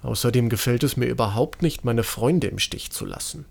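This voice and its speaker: A man's voice: medium pitch, expressive, normal speed, creaky. A man voicing a clever ten-year-old boy who grumbles and mutters, in a storybook reading. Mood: grumbling.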